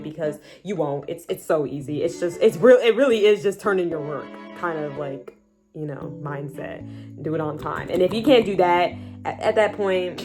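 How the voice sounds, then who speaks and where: A teenage high school student gives casual advice in a chatty vlog, saying "like" constantly. She's talkative and throws in animated asides.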